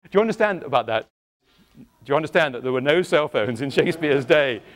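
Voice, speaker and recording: A man's voice: a little high, quick pace. A middle-aged English man, an actor, leading an interactive show for children and asking them questions while wearing a clip-on mic. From England. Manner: animated, questioning, playful with the audience. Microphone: clip-on microphone.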